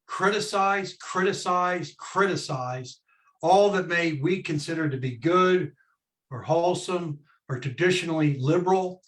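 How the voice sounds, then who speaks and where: A male host with a fairly high voice leads a conversation over a video call. He speaks in a measured way, pausing often on "uh" and "um" as he sets up questions for his guest. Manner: measured, with frequent "uh" and "um" fillers. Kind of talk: hosted conversation.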